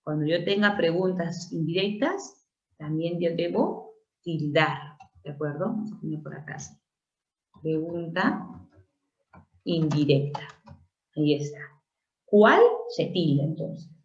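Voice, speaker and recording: A woman's voice: fairly low pitch, takes it slowly, long pauses, highs cut off. Patient woman teaching grammar, echoey room. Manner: explanatory, repeats and stresses example words, asks rhetorical questions. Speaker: language teacher. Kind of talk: exam-prep lesson, solving questions aloud.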